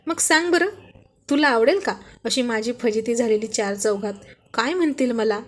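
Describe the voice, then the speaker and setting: A woman reading the lines of a shy young wife in a storybook, gently scolding and amused. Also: fairly high pitch, normal speed, natural voice.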